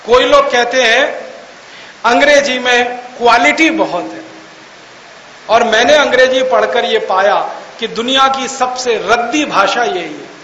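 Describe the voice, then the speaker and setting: High-pitched man lecturing in an echoey hall. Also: a little slow, bright, forceful tone. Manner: mocking, argumentative, rhetorical questions; spells out words letter by letter for emphasis. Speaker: public speaker. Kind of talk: lecture to an audience. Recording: echoey hall, faint hiss.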